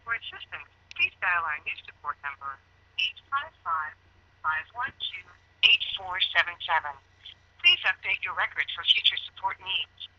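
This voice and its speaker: A recorded automated phone menu message spoken by a woman in even, announcer-like prompts. Her voice sits low yet cuts through with a sharp, very bright edge. It comes through a telephone line, muffled and lacking detail. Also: normal speed, husky. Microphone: heard through a telephone line.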